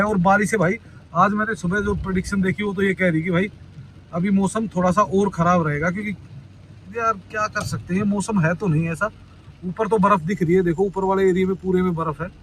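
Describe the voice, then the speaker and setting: A man's voice: sits high, a bit bright, rough recording. A man vlogging casually from a car in traffic, chatting with viewers as "brother" and sounding worried about the roads. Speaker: travel vlogger. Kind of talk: casual driving vlog commentary. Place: inside a car in traffic, outdoors around.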